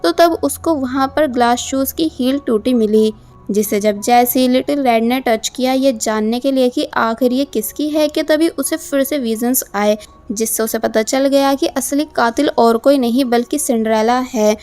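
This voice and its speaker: High-voiced young woman retelling a film. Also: moderate pace, darkish tone, faint music behind. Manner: chatty, flowing storyteller linking scenes with casual connectors. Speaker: movie recap narrator. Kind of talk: scripted movie recap narration.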